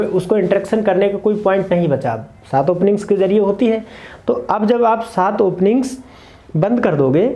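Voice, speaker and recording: Male meditation teacher, higher register and warm mellow tone, earnest and repetitive delivery to camera. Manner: earnest, repeats points in short lists. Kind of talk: explanatory talk to camera. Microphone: camera mic, speaking to camera.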